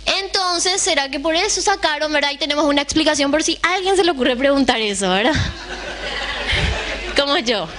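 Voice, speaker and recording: A woman's voice: high voice, sharp tone. A woman teaching a Bible lesson to a class, often putting questions to the room and checking that they follow. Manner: keeps asking the class questions, checks in with "right?".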